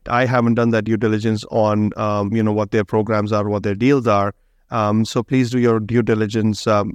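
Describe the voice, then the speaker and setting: A man's voice: lowish voice, clear, resonant tone, no room sound. A man hosting an interview podcast, talking in a loose, conversational way with many ums and you-knows. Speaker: podcast host, physician.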